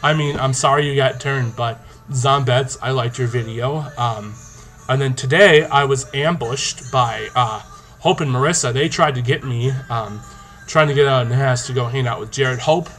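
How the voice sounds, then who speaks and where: Cocky young man with a bright, forceful voice. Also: medium pitch, normal speed, faint music behind, low-quality recording. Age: young adult. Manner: cocky, playful, boastful, animated. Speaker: video diarist in a zombie tag game. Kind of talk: casual vlog talk to camera. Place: small indoor room. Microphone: webcam or laptop mic at arm's length. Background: rock song playing.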